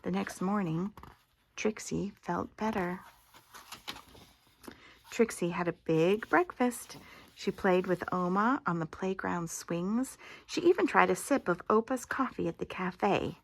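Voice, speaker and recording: Creaky grandmotherly woman reading a storybook. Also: on the low side, slow pace, slight background noise. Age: older. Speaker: storyteller reading a picture book aloud. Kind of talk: expressive read-aloud of a children's story.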